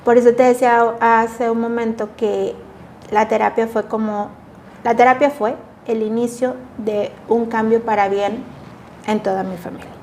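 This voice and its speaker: Middle-aged woman, interview guest, earnest and reflective, slightly high voice. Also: level tone, normal speed, a little mellow, slight background noise. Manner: earnest, reflective, acts out remembered dialogue. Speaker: guest sharing a personal story. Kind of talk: emotional personal testimony.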